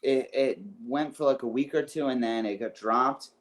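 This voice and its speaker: A man's voice: mid-range voice, moderate pace. A man co-hosting a wrestling podcast in casual chat, rambling and hedging as he thinks aloud. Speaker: podcast co-host.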